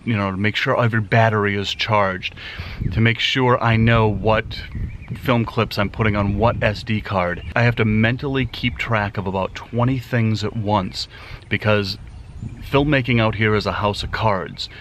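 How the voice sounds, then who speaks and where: A man's voice: on the low side, steady tone, moderate pace, fairly bright tone, slight background noise. Worn-out man vlogging at camp. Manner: enthusiastic, rambling, thinking aloud. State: tired and worn out. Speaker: vlogger and filmmaker. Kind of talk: casual vlog narration. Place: outdoors under a thatched shelter at camp. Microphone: camera held close at arm's length.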